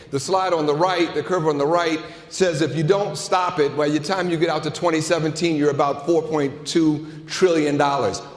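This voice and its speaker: A man giving an emphatic conference keynote in a large hall, repeating phrases for effect and asking rhetorical questions. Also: a little high. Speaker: keynote speaker. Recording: echoey hall, long reverb.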